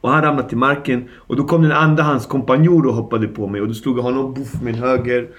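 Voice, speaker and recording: A man's voice: mid-range voice, fairly even intonation. A man in his forties from the Stockholm suburbs, recounting his past in a candid interview with slangy, vivid retelling and sound effects. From Stockholm suburbs, Sweden. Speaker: guest.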